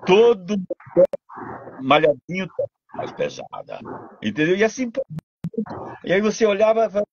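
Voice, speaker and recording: An older man with a Brazilian Portuguese accent, a voice actor and dubbing director telling stories in a casual interview, animated and full of restarts. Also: high-pitched, normal speed, breathy edge, dull audio. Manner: animated storytelling, many restarts.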